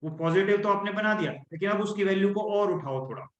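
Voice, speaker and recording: A man coaching an online workshop on a video call, animated and acting out the tones he describes. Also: sits high, fast. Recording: echoey room, dull lo-fi sound.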